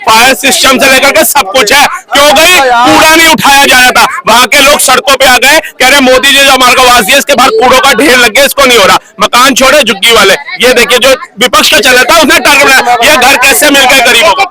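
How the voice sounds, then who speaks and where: A man argues hard in a street interview, combative and quick to cut others off. His voice sits unusually high. A thick crowd clamors all around him outdoors. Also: poor audio. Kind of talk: heated street argument.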